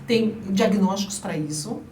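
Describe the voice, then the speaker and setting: A woman's voice: mid-range voice, a little slow, over a noisy crowd. Woman giving parenting advice, emphatic, echoey room, mic kinda far. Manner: explanatory, emphatic, lively. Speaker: guest, parenting advisor. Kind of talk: interview conversation. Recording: roomy, distant mic, faint noise.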